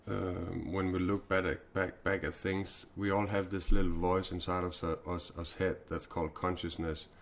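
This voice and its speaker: A Danish man in his forties hosting a spiritual live stream, talking haltingly with many fillers and restarts. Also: deep voice, level tone, a little hiss or hum. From Denmark.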